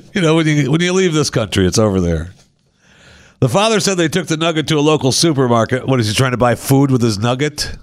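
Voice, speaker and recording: A man's voice: mid-range voice, expressive, brisk. Guy goofing through weird news stories, laughs a lot, fake quote voices. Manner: jokey, laughs often, does mocking quoted voices. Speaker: co-host of a news chat show. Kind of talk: casual banter reading odd news stories.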